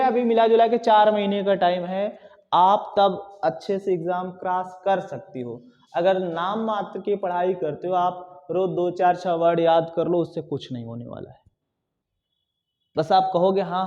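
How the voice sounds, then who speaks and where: A man's voice: high voice, a little mellow. A man teaching a classroom lecture, urging students in a repetitive, conversational way. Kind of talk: classroom lecture on exam preparation. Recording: dull lo-fi sound with long reverb.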